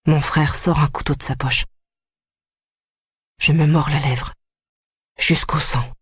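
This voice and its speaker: A grave audiobook narrator telling a dark story in the first person. The voice is husky and sits close to the mic, with a dry sound and no room around it. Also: medium pitch, steady tone, takes it slowly, dry recording. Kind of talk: scripted narration.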